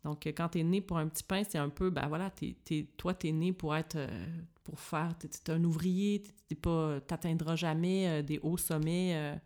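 A woman's voice: low voice, steady tone, normal speed, hardly any pauses, darkish tone. A woman from Quebec with a Québécois accent, chatting casually with plenty of fillers and restarts. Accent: Québécois French. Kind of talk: casual chat.

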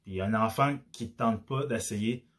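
A man with a Québécois accent talks straight to his listeners in a loose podcast monologue. His voice is low and a little husky. He often stumbles and restarts his sentences. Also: unhurried. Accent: Québécois French. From Quebec. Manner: hesitant, many restarts and filler words. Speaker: podcast host.

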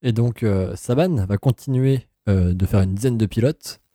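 A man with a low, very dark and mellow voice that has a husky edge co-hosts a relaxed conversation. He explains the story eagerly, with many hesitations, and adds his own comments along the way, recorded close and dry. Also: moderate pace, no room sound. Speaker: podcast co-host. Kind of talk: casual chat.

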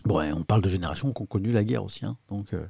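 Male live-stream host, warm and mellow tone, dry close sound, chatty, self-mocking. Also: on the low side, very fast, vocal fry, husky, no echo. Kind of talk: casual live-stream chat.

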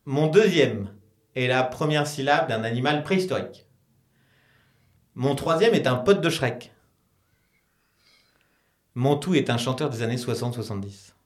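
A man's voice: medium pitch, animated, measured pace, long pauses. A man co-hosting a podcast, casually posing riddles in a playful, joking way. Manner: playful, joking, laughs often. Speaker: podcast co-host. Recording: roomy.

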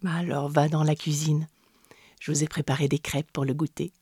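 A man voicing a gentle mother wild boar, soft and motherly, in a storybook reading. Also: fairly high pitch, little pitch movement, moderate pace, husky, dry recording, studio quality, pitched above the performer's own voice. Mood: tender.

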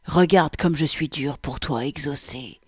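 A woman's voice: low voice, a little slow, a little mellow, husky, no room sound, clean studio sound. A woman reading aloud, voicing a brazen young man who talks in a smug, wheedling way. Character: cocky aroused young man pleading.

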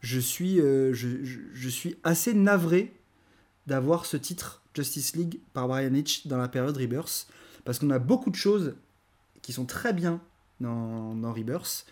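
A man's voice: medium pitch, expressive, measured pace, a little mellow. A man co-hosting a podcast, ranting animatedly in casual chat with frequent stammering restarts. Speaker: podcast co-host reviewing comics.

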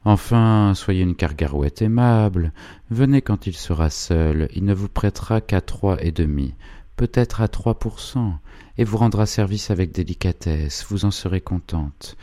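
A man voicing an old village priest with a gently insinuating, persuasive manner, in an audiobook reading. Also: deep voice, measured pace, no room sound, pitched above the performer's own voice. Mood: coaxing.

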